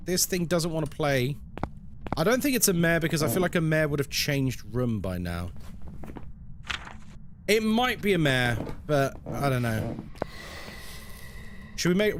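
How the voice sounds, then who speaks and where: A man streams a game and chats casually with his viewers. His voice sits a little high and swings widely as he talks, with a tongue-in-cheek, bantering manner. Faint noise runs behind him. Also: sing-song, unhurried, pauses often.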